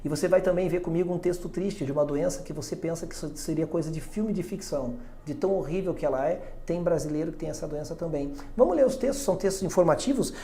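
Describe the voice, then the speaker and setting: A man with a Brazilian Portuguese accent teaching an English lesson, lively and often checking in with quick tag questions. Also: high voice, slight background noise. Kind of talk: classroom-style video lesson.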